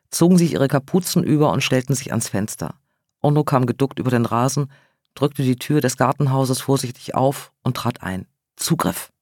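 A man reading a story aloud in measured, even narration. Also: mid-range voice, dry recording, studio quality. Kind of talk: scripted audiobook narration.

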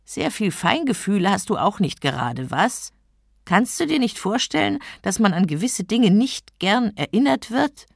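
A woman's voice: on the low side, sing-song, normal speed, gravelly, few pauses, no echo, clean studio sound, full character voice. A woman voicing a rude, irritable male genie trapped in a bottle, snapping and mocking in a storybook reading.

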